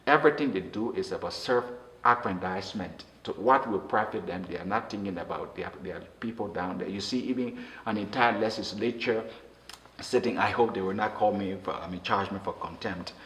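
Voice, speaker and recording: A man from Liberia, speaking earnestly in an interview and often halting and restarting his words. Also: lowish voice, a bit bright. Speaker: interview guest. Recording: roomy echo with faint noise.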